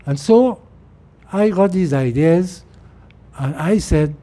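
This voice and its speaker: Speaking slowly in a high, dark voice, this animated political speaker is a middle-aged man from Trinidad. His informal monologue rambles in a Trinidadian accent, and he repeats words whenever he starts over.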